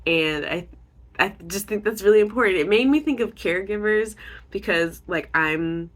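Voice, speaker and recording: A young woman vlogger casually retelling a novel's plot, rambling with many fillers and acting out characters' lines in quick quotes. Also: mid-range voice. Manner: rambling, lots of likes and ums. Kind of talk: casual book talk.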